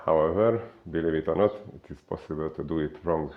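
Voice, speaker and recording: A man from Hungary with a Hungarian accent, a fitness coach giving an unhurried explainer talk full of filler pauses. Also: extremely low pitch, narrow, tinny audio.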